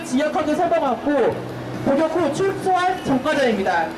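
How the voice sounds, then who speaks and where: Fiery protest speech, high voice, declamatory, echoey pa from far off, crowd and music around. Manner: declamatory, rallying the crowd with rhetorical questions and chants. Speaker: protest rally speaker. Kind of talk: fiery political rally speech. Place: public protest rally. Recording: echoey loudspeaker, distant mic, crowd and music.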